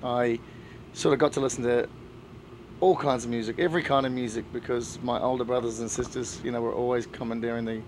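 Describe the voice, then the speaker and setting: A middle-aged man, telling stories in a relaxed way in a backstage interview, full of "you know" fillers. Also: medium pitch, a little fast, noisy background. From New Zealand. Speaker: band singer. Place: backstage at a music festival.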